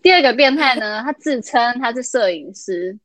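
A young adult woman recording remotely as a podcast guest, telling a story in a lively casual way. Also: a little high, normal speed, no room sound. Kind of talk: casual chat.

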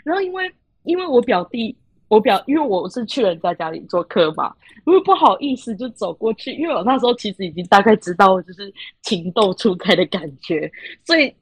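An animated young woman with a Taiwanese Mandarin accent tells a story as a podcast host. Her voice is husky and fairly high, and it swings up and down a lot. The recording is dry and close to the mic. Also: a little fast, dry recording. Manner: animated, laughs often, acts out quoted voices. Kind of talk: casual storytelling chat.

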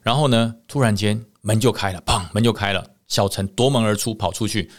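A man telling a story on a podcast, a former army officer, lively with many drawn-out fillers. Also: on the low side.

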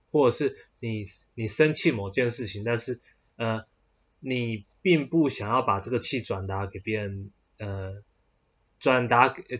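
A man with a Taiwanese Mandarin accent talks through a casual solo podcast at a middle pitch, his voice slightly husky. He wanders and restarts often, padding his sentences with hesitant fillers. The recording sounds dull and lo-fi. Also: a bit bright. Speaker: podcast host.

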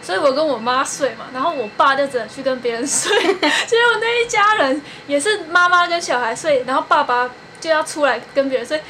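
Young female podcast host, bright and high, giggly storyteller, faint fan hum behind. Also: a little fast, few pauses. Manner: giggly storytelling, laughs often. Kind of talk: casual chat.

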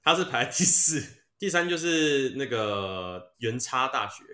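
A man's voice: medium pitch, animated, measured pace, sharp tone. A young man with a Taiwanese Mandarin accent, casually telling self-mocking stories, swearing freely and laughing as he talks. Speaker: podcast co-host. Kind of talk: casual storytelling chat. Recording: roomy echoey room.

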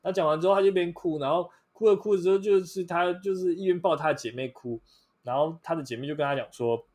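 A man's voice: fairly high pitch, fast talker, a little mellow. A young man with a Taiwanese Mandarin accent hosting a casual solo podcast, blunt and rambling, swearing freely with lots of fillers. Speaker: podcast host.

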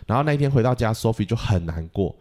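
A man hosting a casual podcast, retelling a film plot in an animated way and acting out the characters' lines. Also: lowish voice, fast talker. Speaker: podcast host.

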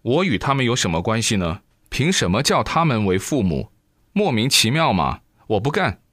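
A man's voice: mid-range voice, big pitch swings, normal speed, fairly bright tone, no room sound, studio quality. A man voicing a young woman back from the dead, wailing and indignant.

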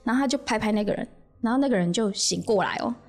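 A woman with a Taiwanese Mandarin accent, hosting a podcast and telling a spooky story in a casual, animated way, often laughing as she goes. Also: on the high side, quick pace, soft background music. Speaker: podcast host.

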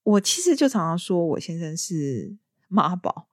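A woman chatting casually as a podcast host, telling her stories in a lively way. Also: on the low side, a little slow, no room sound, studio quality. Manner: lively storyteller. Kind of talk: casual chat.

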